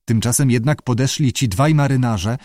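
A man narrating a novel in a measured, expressive reading. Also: medium pitch, no echo, clean studio sound. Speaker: audiobook narrator. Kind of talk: scripted narration.

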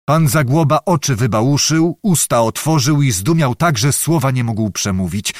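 A man narrating a historical novel in an expressive, theatrical reading. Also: medium pitch, moderate pace, no room sound, clean studio sound. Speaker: audiobook narrator.

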